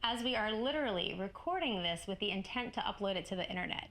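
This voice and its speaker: A woman playing a weary, uneasy sleepwalking wife in naturalistic found-footage horror, speaking hesitantly in a sometimes breathy voice. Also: mid-range voice, expressive, fast talker, fairly bright tone. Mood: uneasy, protesting.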